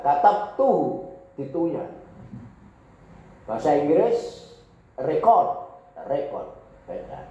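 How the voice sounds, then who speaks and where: A man's voice: medium pitch, mellow. A male Arabic teacher from Indonesia, giving a classroom lecture and explaining text he reads aloud with repeated examples. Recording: echoey, dull classroom recording.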